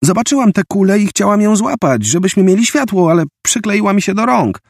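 A man voicing a brave, quick-thinking teenage girl who shouts urgent warnings. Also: high-pitched, expressive, creaky, slightly rough, dry recording, clean studio sound, voice pushed up, heavily acted. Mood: puzzled.

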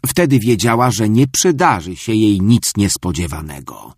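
Expressive, husky male storyteller. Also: on the low side, normal speed, dry recording, clean studio sound. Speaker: narrator. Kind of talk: children's story read aloud.

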